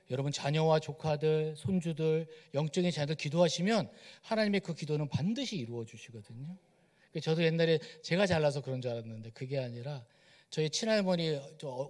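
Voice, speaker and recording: Slightly high-voiced man preaching in a reverberant church. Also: a little mellow. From Seoul, South Korea. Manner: chatty, joking, asks the congregation questions. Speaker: guest preacher. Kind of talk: humorous conversational sermon. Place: church sanctuary. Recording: long hall reverb in a church.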